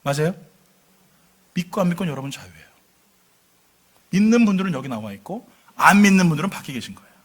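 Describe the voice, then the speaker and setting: Lively high-voiced Korean-church preacher. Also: male voice, fast talker, pauses often, husky. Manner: lively storytelling preaching, asks the congregation questions. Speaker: pastor. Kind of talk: sermon. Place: church sanctuary.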